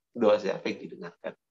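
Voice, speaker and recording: A man preaching to a youth church in a lively storytelling style, often laughing as he talks. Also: lowish voice, lo-fi sound. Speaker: youth pastor. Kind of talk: sermon with storytelling.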